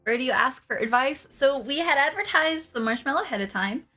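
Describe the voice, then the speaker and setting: Woman host, fairly high and crisp-edged bright tone, giggly casual banter, faint music underneath. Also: lively intonation, a little fast. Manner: jokey, giggly, mock-professional. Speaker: livestream host. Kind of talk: casual comedic livestream chat.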